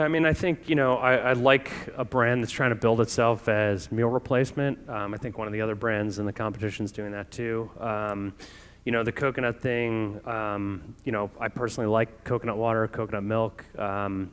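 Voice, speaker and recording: A man with a smooth, low voice offers casual judging feedback in a reverberant hall. His phrasing is loose and hesitant. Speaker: competition judge.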